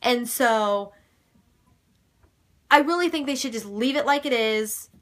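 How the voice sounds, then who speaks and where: A woman's voice: fairly high pitch, unhurried. A young woman answering viewer questions in a casual, chatty video, emphatic and gushing, with mild swearing. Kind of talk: casual chat.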